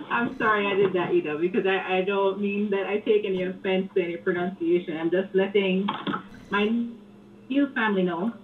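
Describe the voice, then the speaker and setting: A woman calling in to a radio show, speaking softly and earnestly with frequent pauses. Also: medium pitch. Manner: soft-spoken, earnest, halting. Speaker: caller. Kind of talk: call-in phone conversation. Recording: tinny phone line with hiss.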